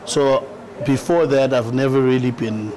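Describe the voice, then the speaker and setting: A laid-back South African man in his thirties. He talks as a guest on a podcast, at a middle pitch and an unhurried pace. He often stops to repeat a word or add "you know". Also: steady tone, darkish tone, rough recording. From South Africa, Eastern Cape. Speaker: rapper and actor, guest. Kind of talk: relaxed podcast interview.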